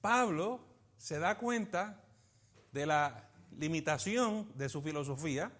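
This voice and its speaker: A man, a pastor teaching a Bible study in a lively preaching manner, often asking his listeners for agreement. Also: fairly high pitch, slow. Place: church meeting in a school building.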